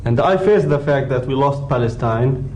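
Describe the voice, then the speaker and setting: A man answers in a firm, direct manner. His voice is mid-pitched and sounds roomy. Faint ambience can be heard behind him. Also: animated, normal speed, a little mellow, a little hiss or hum. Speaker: interviewee.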